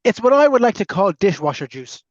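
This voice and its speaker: Lively Irish man, higher pitch, lo-fi. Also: dry recording. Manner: joking, quick quips. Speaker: podcast co-host. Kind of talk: casual chat.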